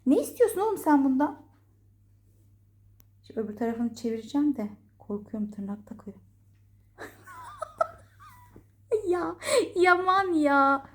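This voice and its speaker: A high-voiced woman chatters over her phone camera at home, swinging up and down in pitch as she laughs and coos at her cats. She scolds them playfully in an easy, unscripted running commentary. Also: big pitch swings, measured pace, pauses often. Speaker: cat owner filming her cats. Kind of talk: casual running commentary while filming.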